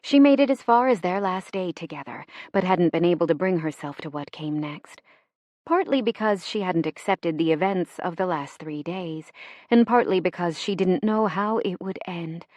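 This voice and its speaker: A woman narrates fiction for an audiobook, her voice on the low side and her delivery expressive, measured, and dramatic. The recording is dry.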